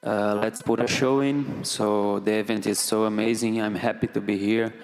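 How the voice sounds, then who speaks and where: A man from Brazil, an athlete giving short, halting remarks in simple English at a press conference. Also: fairly low pitch, fairly even intonation, darkish tone. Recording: echoey hall reverb.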